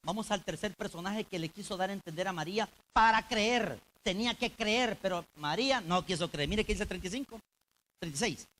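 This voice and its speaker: Speaking a little fast and pausing little, a male pastor gives a conversational sermon in church. He talks straight to the congregation, shifting from loud emphasis to low, intense tones.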